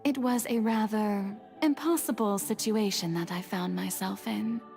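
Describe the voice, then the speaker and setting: A woman's voice: medium pitch, a little slow, a little mellow. A woman playing a mature, playful and self-satisfied water goddess in a video game, speaking grandly and savouring ornate words. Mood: arch, theatrical. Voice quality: older-sounding, breathy in places. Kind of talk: video game cutscene voice acting. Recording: long hall reverb under game music.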